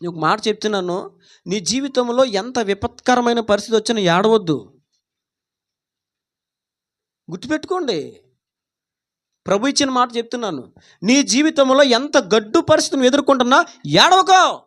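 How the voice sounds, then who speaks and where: A man's voice: extremely high pitch, lively intonation, moderate pace, fairly bright tone. A man preaching a Sunday worship sermon in church. He speaks fervently and puts many rhetorical questions to the congregation. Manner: acts out quoted pleas dramatically. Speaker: pastor. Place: church service.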